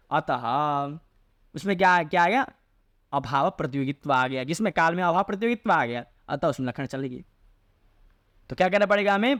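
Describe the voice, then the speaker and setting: Guy giving a lecture, bit high-pitched, dry close sound, keeps asking questions then answering them. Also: fairly bright tone, no echo. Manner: asks rhetorical questions and answers them himself; recites Sanskrit phrases slowly and deliberately. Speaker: Sanskrit teacher. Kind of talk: explanatory Hindi lecture on a Sanskrit logic text.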